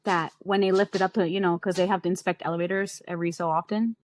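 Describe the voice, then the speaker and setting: A woman's voice: fairly low pitch, steady tone, fast talker, a little hiss or hum. Candid swearing woman podcast co-host. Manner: candid, swears freely, rambling storytelling. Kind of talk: casual chat.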